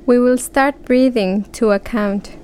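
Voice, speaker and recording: A woman guiding a relaxation breathing exercise, speaking calmly and counting breaths aloud with long pauses. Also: a little high, faint music behind. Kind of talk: guided relaxation script.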